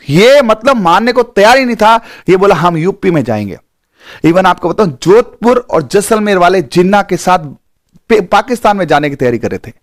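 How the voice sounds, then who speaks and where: Lively, high-voiced male teacher. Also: no room sound, studio quality. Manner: animated, coaxing, repeats key points. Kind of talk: live online exam-prep lesson.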